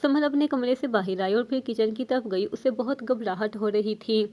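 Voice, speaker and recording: A woman reading a novel aloud as narrator in an even, steady storytelling manner. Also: fairly high pitch.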